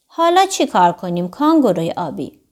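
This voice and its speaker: A woman voicing a bright, determined little girl in a children's storybook, speaking in an eager, raised childlike voice. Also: medium pitch, sing-song, pitched below the performer's own voice, lightly acted.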